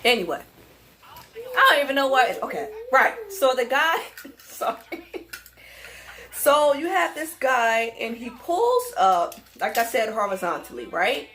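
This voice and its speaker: A young adult woman telling a casual story on her vlog, animated and emphatic, often breaking into laughter. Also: a little high, measured pace. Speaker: vlogger.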